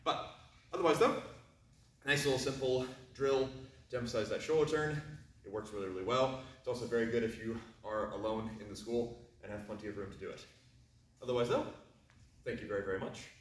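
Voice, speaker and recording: A man giving an instructional fencing demonstration, explaining movements and breaking them into short, crisp commands. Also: mid-range voice, fairly quick, long pauses. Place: large echoey indoor training hall. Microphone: distant camera microphone. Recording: very echoey room, distant mic, faint noise.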